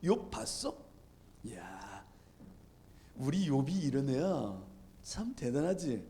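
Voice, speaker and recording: A man's voice: on the high side, sing-song, a little slow, dark tone, pitched below the performer's own voice. A pastor voicing a proud, fond God who boasts about his faithful servant with teasing questions, in a sermon. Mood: boastful.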